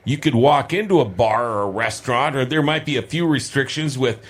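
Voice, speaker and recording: A man from Minnesota co-hosts a studio talk show. His pitch sits in an ordinary middle range, and he talks in a loose, rambling, joking way with the others in the room. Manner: chatty, rambling, quick to joke. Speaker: radio show host. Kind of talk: casual studio chat.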